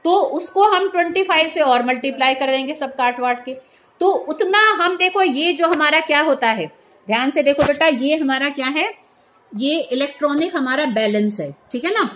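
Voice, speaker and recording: A woman's voice: sits high, lively intonation, normal speed, slight background noise. A woman chemistry teacher giving a hands-on lab demonstration, patiently walking students through each step and checking they follow. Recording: roomy echo.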